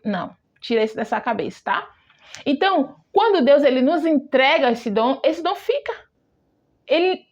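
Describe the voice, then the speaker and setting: A Brazilian woman shares her faith testimony in a high, earnest voice. She keeps turning to the listener as she talks. The sound is dull and lo-fi. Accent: Brazilian Portuguese. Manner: heartfelt, talks straight to the listener. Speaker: devotional speaker. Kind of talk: personal testimony devotional. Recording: dull lo-fi recording.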